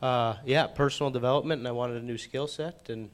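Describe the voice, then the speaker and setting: A man's voice: medium pitch, steady tone, fairly quick, a little hiss or hum. A young man answering questions casually and politely in front of a group. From upper Midwest United States. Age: young adult. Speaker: auctioneer school student.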